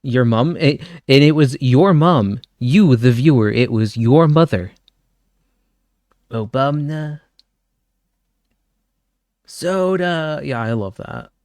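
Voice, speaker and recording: A man's voice: mid-range voice, expressive, takes it slowly, pauses often, a little mellow, dry recording. A man live-streaming, riffing jokes and swearing while he talks to his chat. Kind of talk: casual reaction chat.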